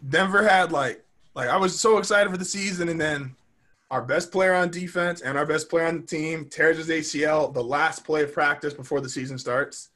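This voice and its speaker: A man co-hosting a casual podcast, ranting and swearing in excited bursts. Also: fairly high pitch, moderate pace. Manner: animated, swearing, rants in bursts. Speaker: podcast co-host. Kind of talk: casual chat.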